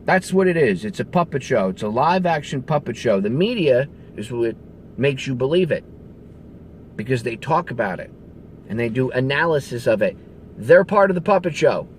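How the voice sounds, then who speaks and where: A man plays a radio show host, talking to camera in a casual, emphatic political rant with some swearing. His voice is medium-pitched with big swings in pitch, his speed is normal, and a little hiss or hum sits in the recording.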